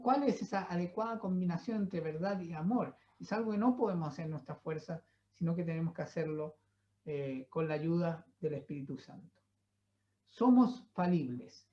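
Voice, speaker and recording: A woman giving a Bible teaching sermon at a church, in a measured, reflective way, often checking in with tag questions and pauses. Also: lowish voice. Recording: slightly dull, muffled recording.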